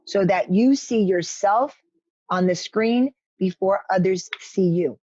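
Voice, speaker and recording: A woman from New York, with a New York accent, coaches participants on a video-call talk show in media training, speaking directly and addressing them by name. Her medium-pitched, darkish voice is slow, coming through a headset with lo-fi sound and no room sound.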